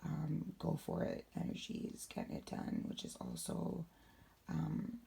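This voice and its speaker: A young woman with a raspy voice, talking low and quietly late at night in a rambling, casual vlog. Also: huge pitch swings, unhurried. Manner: rambling, many fillers. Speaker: vlogger. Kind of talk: casual spiritual how-to vlog.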